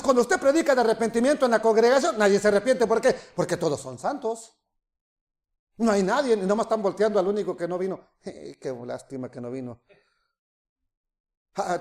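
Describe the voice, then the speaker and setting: High-voiced animated male preacher. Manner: animated preaching, acts out voices, rises and drops in volume. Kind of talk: sermon. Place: congregation.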